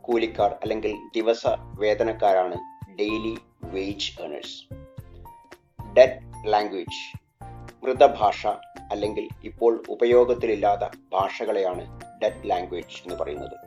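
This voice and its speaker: A man with a Malayali accent teaching English in a scripted lesson. He reads English phrases slowly and then explains them in Malayalam. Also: on the low side, a little mellow, lo-fi sound.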